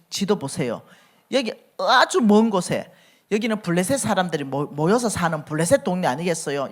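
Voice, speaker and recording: A middle-aged woman, preaching a sermon as a church elder and acting out the quoted speech as she tells the story. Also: fairly low pitch.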